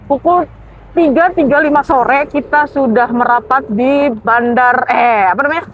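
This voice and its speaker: A woman's voice: high-pitched, normal speed. Chatty young woman. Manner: chatty, hesitant, trails off with fillers. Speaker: travel vlogger. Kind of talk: casual vlog narration. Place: outdoors at a ferry port. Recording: muffled outdoor audio with faint noise.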